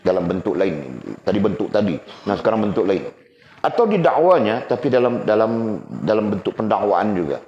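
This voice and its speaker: A man's voice: on the low side, a little fast, dark tone, a little hiss or hum. A man teaching a religious lesson in a conversational way, often asking his students questions. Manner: conversational, rhetorical tag questions, addresses students. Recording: dull lo-fi recording.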